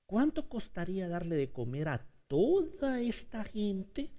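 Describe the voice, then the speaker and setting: A man preaching a sermon as pastor, animated and playful, acting out the voices in the story. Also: high-pitched, a little slow.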